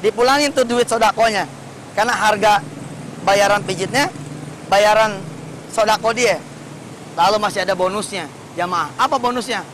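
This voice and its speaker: Man, Islamic preacher, high voice, lively colloquial storytelling, rhetorical questions. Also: moderate pace, long pauses, a little hiss or hum, rough recording. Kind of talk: sermon.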